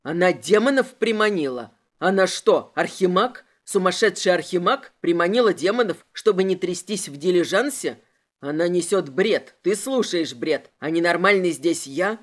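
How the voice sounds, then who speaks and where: A woman's voice: fairly low pitch, expressive, moderate pace, voice pushed down. A woman voicing a brutal male police inspector who barks threats and interrogates harshly. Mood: angry.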